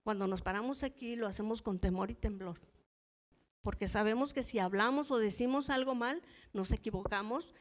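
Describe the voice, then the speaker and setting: A middle-aged woman teaches in a church hall, her Mexican Spanish accent coming through a voice on the high side at a moderate pace. She talks conversationally, weaving in personal stories and frequently seeking the audience's agreement.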